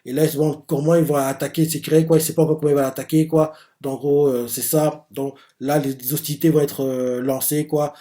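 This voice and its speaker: A man's voice: on the high side, level tone, fast talker, few pauses, warm tone. A man casually recapping a manga chapter, rambling and leaning heavily on filler words. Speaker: manga reviewer.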